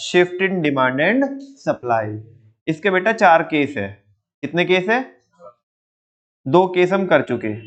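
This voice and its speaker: A male teacher giving an online economics lecture in a playful, teasing way, constantly asking his students questions. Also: a little high. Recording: dull lo-fi sound.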